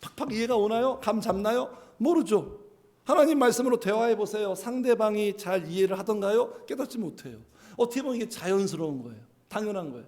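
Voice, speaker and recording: A man preaching a sermon in a high, gravelly voice. He leads the congregation through scripture readings and acts out scenes with loud bursts and hushed drops. His delivery stays animated throughout. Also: brisk. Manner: acts out parents scolding, swings loud and soft. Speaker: pastor.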